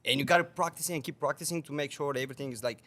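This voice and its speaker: Talking very fast in a voice on the high side, a young man from Romania spins animated podcast stories as a guest bartender. He swears constantly and laughs a lot throughout.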